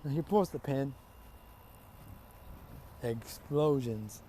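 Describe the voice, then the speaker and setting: A man's voice: medium pitch, takes it slowly, warm tone, a little hiss or hum. A man casually telling an improvised fan story, rambling and profane with many fillers.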